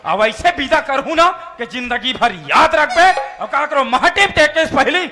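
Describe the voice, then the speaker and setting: A man's voice: very high voice, expressive, normal speed. An actor with a Chhattisgarhi accent playing an exasperated village householder who parrots and scolds a priest, laughing as he goes. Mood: scolding. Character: exasperated village householder, adult man, mocking. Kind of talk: comic sketch acting.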